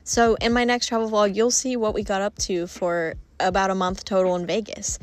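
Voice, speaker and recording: A woman's voice: medium pitch, flat delivery, moderate pace. A woman narrating her travel vlog in a chatty, upbeat voice-over. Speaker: travel vlogger.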